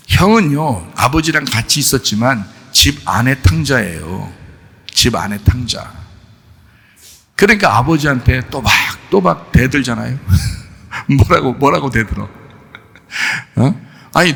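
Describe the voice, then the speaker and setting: A male pastor delivers a sermon with a lively, swooping delivery, often posing questions and answering them himself. His voice is bright and gravelly with a husky edge. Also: mid-range voice. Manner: animated, acts out the father's joyful shouts.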